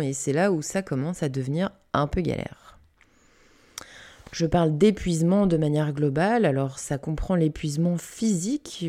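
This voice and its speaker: A woman's voice: low-pitched, warm tone. A woman from Canada hosting her own reflective podcast, talking candidly and casually with fillers and the odd swear. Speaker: podcast host. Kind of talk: unedited reflective podcast monologue.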